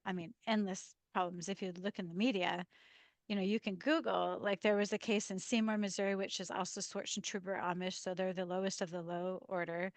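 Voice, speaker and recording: Brief: woman guest on a video call, animated storyteller, laughs a lot, middle-pitched voice, dry close sound. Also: a little fast, dry recording. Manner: animated storyteller, laughs often, acts out quoted dialogue. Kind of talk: casual interview storytelling.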